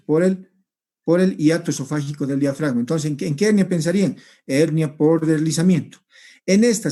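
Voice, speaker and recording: A man giving a recorded medical lecture over slides, explaining step by step and often checking with a quick "¿sí?". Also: a little high, dark tone. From Peru. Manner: explanatory, repeats points, checks with rhetorical "¿sí?".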